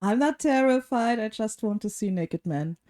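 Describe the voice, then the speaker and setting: A woman's voice: on the high side, expressive, normal speed, darkish tone. A woman co-hosting a podcast, joking casually with her co-host. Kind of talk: casual chat.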